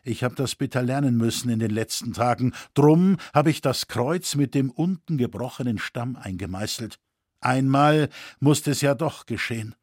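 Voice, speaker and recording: A man's voice: mid-range voice, moderate pace, darkish tone, no room sound, studio quality, natural voice. A man voicing a grieving old master mason. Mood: weary. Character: older male cathedral master mason, grieving.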